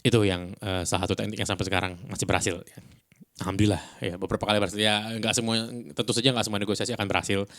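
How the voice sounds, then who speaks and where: A middle-aged man speaking on a business podcast in a relaxed, chatty way, full of fillers and acted-out dialogue. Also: fairly low pitch, racing. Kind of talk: casual podcast talk.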